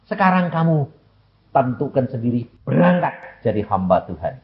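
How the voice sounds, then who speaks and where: A man's voice: mid-range voice, big pitch swings, normal speed. A man, quoting his stern father who insists he study medicine. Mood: relenting. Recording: lo-fi recording.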